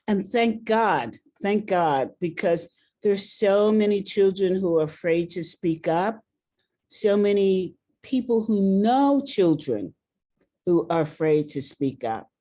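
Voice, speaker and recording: Mellow-voiced woman podcast host. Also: medium pitch, expressive. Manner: brisk, warmly emphatic, interjecting questions. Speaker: podcast host and leadership coach. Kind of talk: podcast interview hosting.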